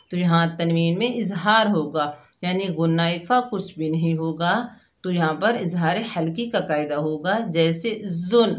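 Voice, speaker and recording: A woman teaching Quran recitation rules step by step, explaining each letter and then sounding out the syllables slowly. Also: fairly low pitch. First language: Urdu. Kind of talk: slow step-by-step tajweed lesson.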